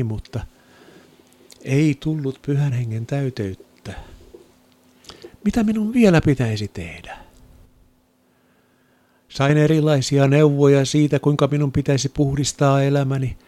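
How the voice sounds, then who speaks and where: A man giving an earnest, reflective spoken testimony of faith, sometimes dropping to a soft near-whisper. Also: medium pitch, no echo. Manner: earnest, reflective storytelling with quoted inner thoughts.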